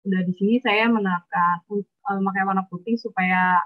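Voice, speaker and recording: A woman's voice: medium pitch, steady tone, moderate pace. Fields: Sex: woman. Role: student. Style: hesitant online class presentation. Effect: faint and choppy, phone held away. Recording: thin phone-like call audio. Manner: hesitant, many filler sounds. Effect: faint, choppy voice as if the phone is held away on a video call. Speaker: student presenting her work.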